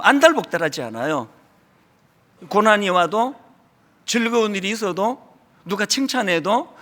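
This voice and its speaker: A Korean pastor in his sixties delivering a sermon, emphatic, with loud stressed lines and sudden hushed drops. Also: sits high. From South Korea. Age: 60s. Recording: reverberant hall.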